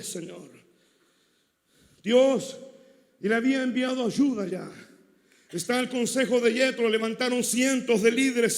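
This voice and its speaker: A Chilean man preaches a sermon in a very high voice, shouting hard and then dropping to near murmurs. His voice rings out with long reverb in a large church hall. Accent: Chilean Spanish. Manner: shouting, preaching with sudden swings from loud to hushed. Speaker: pastor.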